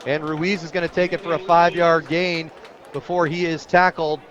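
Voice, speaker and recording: An American man speaks at normal speed as he calls high school football live on the radio, with the high frequencies cut off. He pulls for the home team, and big plays set him off.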